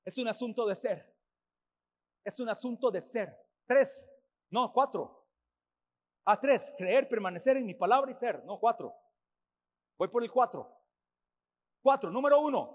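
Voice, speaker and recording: A man, a pastor preaching a sermon at a church service, emphatic and repeating his points in lists, swinging from loud to hushed. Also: high voice. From Costa Rica.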